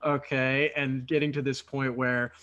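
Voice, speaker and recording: A thirtysomething man from Philadelphia, wearing a headset in his apartment, hosts a casual podcast interview by video call and talks eagerly in long runs with some fillers. His medium-pitched voice is flat and a bit bright at a measured pace, and the recording has its highs cut off.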